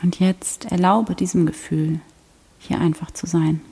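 A woman guiding a prayer meditation in a soft, slow, half-whispered voice. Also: on the low side, steady tone, creaky, slightly rough. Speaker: prayer guide.

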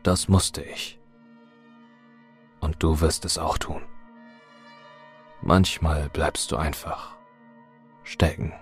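A man voicing a detached, sorrowful male stranger in a horror story, speaking flat and quiet. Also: very deep voice, very slow, pauses often, soft background music, full character voice. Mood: resigned.

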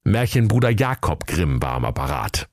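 A man with a northern German accent narrating a comic fairy tale in a lively, playful storytelling manner. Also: a bass voice, moderate pace, no echo, clean studio sound.

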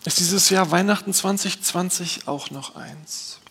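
A man's voice: high-pitched, measured pace, pushed and bright, husky, long reverb tail. A man preaching a sermon as pastor, earnest and reflective, posing rhetorical questions to his listeners.

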